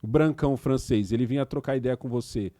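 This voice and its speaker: A man's voice: mid-range voice, fairly quick, dark tone, no room sound, clean studio sound. A man, a podcast host asking questions in a laid-back, slangy way. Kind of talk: casual interview chat.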